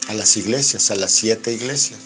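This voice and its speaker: With music playing behind him, a Mexican-accented man preaches at a moderate pace in a fairly low voice. He reads passages of scripture aloud in a Bible study, explains each line, and answers his own rhetorical questions.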